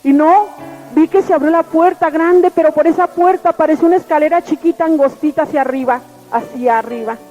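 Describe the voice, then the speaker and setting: Over a lo-fi radio broadcast with faint music underneath, a woman gives her personal religious testimony. Her voice is high and warm, a little quick, and she speaks earnestly, repeating herself.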